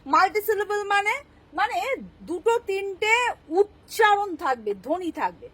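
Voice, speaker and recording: A woman's voice: very high voice, lively intonation, normal speed, fairly bright tone, poor audio. A woman teaching English spelling rules, patiently explaining and checking that the class understands.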